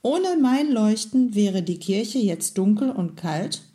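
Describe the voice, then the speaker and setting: A woman voicing a kind, wise beeswax candle that speaks softly in a storybook reading. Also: medium pitch, lively intonation, slow pace. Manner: soft and gentle.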